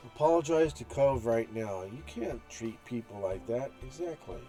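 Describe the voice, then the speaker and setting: A man's voice: mid-range voice, lively intonation. A man playing through a visual novel, reading its text aloud with restarts and commenting on the characters. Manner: slow, chatty, reads text aloud with restarts. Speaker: gameplay narrator. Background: soft background music.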